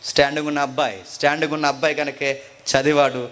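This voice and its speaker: A man's voice: a little high, little pitch movement, fast talker, a bit bright. A man with a Telugu accent preaching a live sermon, acting out a courtroom scene and putting questions to the congregation.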